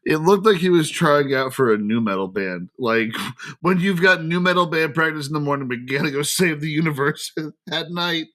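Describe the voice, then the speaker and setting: A man's voice: a little high, expressive, normal speed, a bit bright. A man co-hosting a podcast, chatting casually and joking with a ready laugh. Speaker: podcast co-host. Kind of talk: casual recap chat.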